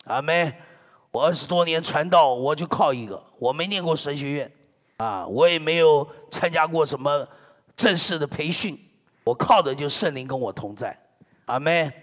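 A middle-aged man from China, a pastor preaching a sermon in an animated, joking way, dropping in amen and hallelujah often. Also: a little high, normal speed, big-room sound.

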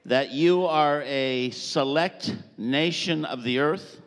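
A visiting preacher, a middle-aged man born in Canada, delivers a sermon in a church hall with a live interpreter, his voice sitting on the high side. He speaks in short, jovial phrases, cracking jokes with the congregation and pausing for translation, and the hall's reverb is audible.

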